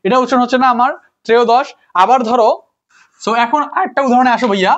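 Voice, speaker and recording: A man's voice: very high-pitched, fast, a bit bright. A man teaching a grammar lesson to students, repeating words, asking rhetorical questions and correcting his own slips. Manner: self-correcting, apologizes for slips. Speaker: grammar tutor. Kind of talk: informal classroom lesson, addressing students. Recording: dull lo-fi recording.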